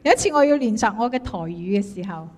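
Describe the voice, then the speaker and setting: A woman's voice: medium pitch, lively intonation, quick pace, darkish tone. A woman with a Cantonese accent, interpreting a sermon and reading scripture aloud. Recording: echoey hall with long reverb.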